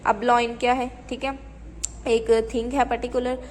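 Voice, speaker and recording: Woman teacher, higher voice, echoey room. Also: level tone, a little hiss or hum. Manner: slow, deliberate reading of example sentences; checks understanding with repeated rhetorical questions. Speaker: English grammar teacher. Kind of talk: classroom lesson explaining grammar.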